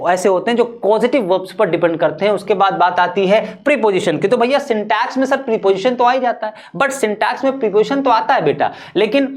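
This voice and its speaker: A young man teaching an English class online. He talks in a lively way, asks rhetorical questions and answers them himself, and drops English terms into his Hindi. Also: high voice.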